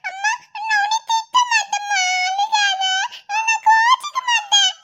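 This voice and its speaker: Cartoon little girl, pleading and clingy; very high squeaky pitch, slow delivery. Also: little pitch movement, pushed and bright, faint music behind, heavily acted. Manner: pleading, repeats "mother" often. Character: little girl, eager and anxious about baby. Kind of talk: cartoon story voice acting.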